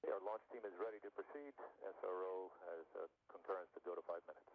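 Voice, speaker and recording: A man's voice: low voice, quick pace. A man running a procedural status check over crackly space-mission radio, in clipped, businesslike call-outs. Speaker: launch test director. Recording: crackly narrow radio link.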